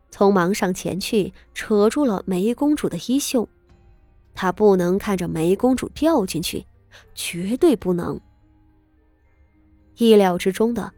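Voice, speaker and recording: Mellow-voiced woman narrating a story. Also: mid-range voice, dry recording, studio quality. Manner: dramatic, expressive reading with tense pauses. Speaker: audiobook narrator.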